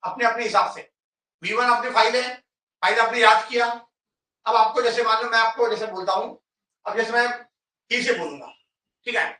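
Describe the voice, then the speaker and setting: A man's voice: very high voice, moderate pace, long pauses, bright, forceful tone. A man teaching an English lesson to a class, directing students and checking in often. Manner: instructive, repeats "ठीक है?" often, directs students. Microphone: camera at a distance. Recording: echoey room, voice from far off.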